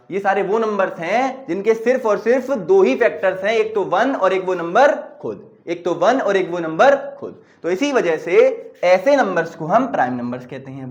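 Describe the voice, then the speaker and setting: A male maths teacher giving an online lecture. He repeats key terms, has the class call them back, acts out students' questions himself, and clears his throat often. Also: sits high, lo-fi sound. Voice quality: some English terms mixed in. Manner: voices students' questions himself and answers them, calls learners "dear children".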